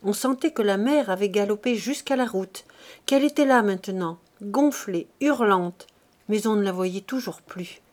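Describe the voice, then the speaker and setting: Lady reading an old novel aloud, steady and expressive, mid pitch. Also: moderate pace. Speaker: audiobook reader. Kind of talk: audiobook narration of a classic novel.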